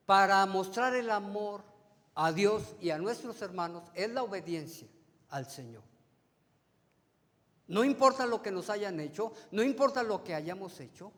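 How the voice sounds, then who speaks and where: A man with a high voice delivers a sermon to his congregation and peppers them with rhetorical questions. His phrases climb to emphatic peaks, then drop away softly. The sound carries the long, ringing reverb of a church hall. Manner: swings between emphatic rises and soft, trailing phrase endings. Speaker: preacher. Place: church sanctuary.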